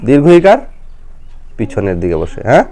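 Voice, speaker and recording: A woman's voice: very deep voice, very animated, moderate pace, dark tone. A woman, teaching a child a lesson in a patient, coaxing, step-by-step way. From Bangladesh.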